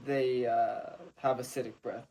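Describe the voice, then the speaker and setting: A young man co-hosts a podcast in a casual comedic chat, his mid-range voice level and darkish, his pace measured. He answers hesitantly, filling gaps with lots of ums, and laughs along.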